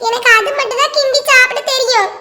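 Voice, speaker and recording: A woman's voice: very high-pitched, steady tone, quick pace, in a large hall, very noisy. A woman with a Kanyakumari Tamil accent voicing a meek fifth-grade schoolgirl who apologetically explains herself in a cartoon. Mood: apologetic.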